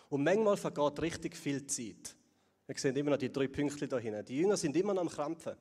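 A man preaching a sermon to a congregation and viewers at home, earnest, often sinking to soft, low tones on key words. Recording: long hall reverb.

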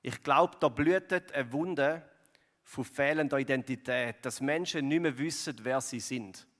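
A man's voice: medium pitch, measured pace, a bit bright. A man with a Swiss German accent giving a conversational sermon as pastor, full of fillers and tag questions like "gell" and "oder". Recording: long hall reverb.

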